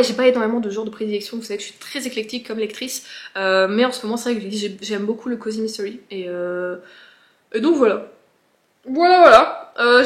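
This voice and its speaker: A woman chatting casually to her viewers in a rambling, self-interrupting way, recorded in an echoey home office. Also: medium pitch. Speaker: book and lifestyle vlogger answering viewer questions. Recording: echoey, resonant room.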